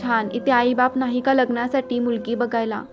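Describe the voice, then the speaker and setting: A stern, domineering father, voiced by a woman storyteller scolds harshly in a narrated storybook. The voice stays high and flat. Soft music plays under a dull, lo-fi recording. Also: moderate pace, lightly acted. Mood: scolding. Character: stern angry middle-aged father, domineering.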